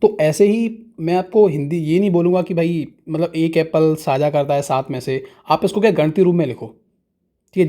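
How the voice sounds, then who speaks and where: Patient man teaching, mellow voice. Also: a little high. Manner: slow, patient, asks questions and answers them himself. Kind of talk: explaining fractions to students.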